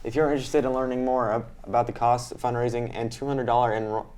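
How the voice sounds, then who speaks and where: A man's voice: mid-range voice, fairly even intonation, quick pace, darkish tone. A teenage boy co-anchoring a student newscast, reading announcements upbeat with occasional restarts. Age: teens. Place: school studio.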